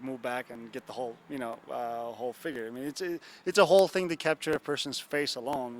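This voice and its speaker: A young man from Turkey, guesting as a photographer at a bar and grill, rambles loosely through interview questions using many fillers and "you know what I'm saying." His voice is medium-pitched and a bit bright.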